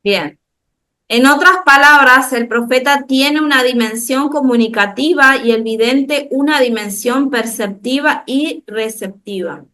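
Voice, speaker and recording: A woman with a Dominican Spanish accent, teaching an online Bible class in a slow, explanatory way, often restarting her sentences and checking in with her students. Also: high voice, sharp tone.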